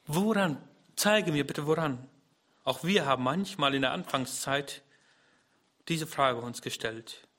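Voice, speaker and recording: A middle-aged man preaching a sermon, swinging from soft, low phrases to loud, emphatic peaks.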